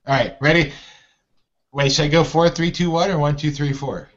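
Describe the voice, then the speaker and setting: A man's voice: a little high, normal speed, muffled recording. A man co-hosting a casual podcast, trading joking, sarcastic banter. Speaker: podcast co-host. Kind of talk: casual chat.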